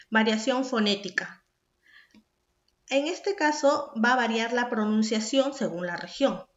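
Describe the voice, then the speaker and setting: High-voiced woman teaching a lesson. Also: a bit bright. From Peru. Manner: explanatory, speaks directly to the student with questions. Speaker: secondary school teacher. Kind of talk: recorded class lesson. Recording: echoey room, dull lo-fi sound.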